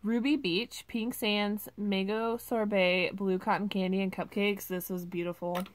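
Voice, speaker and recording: A woman's voice: medium pitch, flat delivery, measured pace, a little hiss or hum. Chatty woman gushing over wax scents. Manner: chatty, gushing, with many ums and likes. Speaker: vlogger reviewing wax melts. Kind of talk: casual product review.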